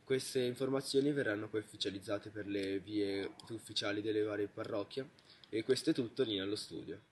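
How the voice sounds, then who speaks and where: An anonymous correspondent in a mock newscast, speaking through an electronic filter that pitches the voice down to disguise it, reading the announcements in a steady, plain way. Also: brisk, a little hiss or hum. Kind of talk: read news report.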